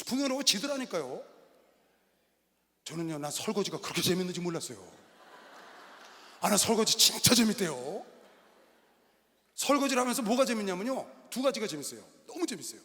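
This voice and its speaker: A middle-aged man preaching a sermon as pastor, telling stories with animated delivery and sudden bursts of shouting. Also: sits high. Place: large arena hall. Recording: long reverb of a large arena hall.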